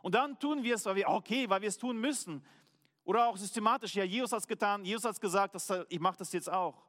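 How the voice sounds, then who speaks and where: A German man preaching a sermon as pastor, earnest, slowing down to stress key words. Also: sits high, a bit bright, in a large hall.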